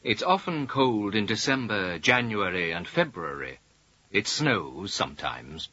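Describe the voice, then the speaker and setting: A man speaking slowly and carefully in a scripted language-course dialogue. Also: fairly low pitch, sing-song, pushed and bright. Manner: slow, careful, clearly spaced delivery. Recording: dull lo-fi audio.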